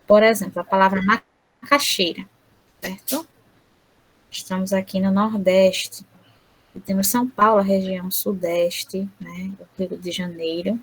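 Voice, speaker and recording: A woman interpreting an online lecture aloud, speaking haltingly with frequent tag questions. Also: mid-range voice, fairly even intonation, poor audio.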